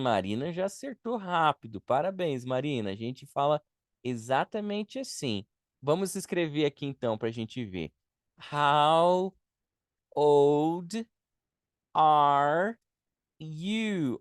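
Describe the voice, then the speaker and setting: A man's voice: fairly high pitch, dry recording, clean studio sound. A man with a Brazilian Portuguese accent teaching a live online beginner class, patiently repeating words to model their pronunciation. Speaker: English teacher.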